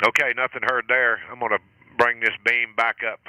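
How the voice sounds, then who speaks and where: Heavy background noise surrounds a medium-pitched, level, fairly quick voice speaking into a station microphone. The speaker is a Southern US man running a ham radio net, keeping the on-air chat casual and reading out call signs with an easy chuckle.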